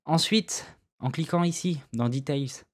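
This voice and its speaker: Man, casual gaming tutorial voice, loose and slangy, self-mocking, mid-pitched. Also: normal speed, darkish tone. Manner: loose, slangy, with many fillers and restarts. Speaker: gaming YouTuber giving a tutorial. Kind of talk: casual screen-recorded tutorial.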